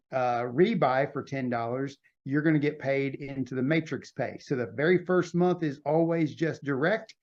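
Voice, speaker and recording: A man's voice: medium pitch, a little mellow, muffled recording. A man leading a network marketing team call, talking in a casual, emphatic and repetitive way. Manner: casual, chatty. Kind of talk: motivational call talk.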